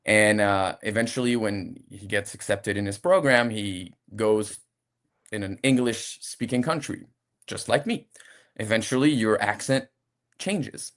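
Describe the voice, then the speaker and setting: On the low side and unhurried, this man's voice comes from a French actor talking casually in an interview. Years abroad have softened his light French accent, and he sounds relaxed and hesitant, often restarting.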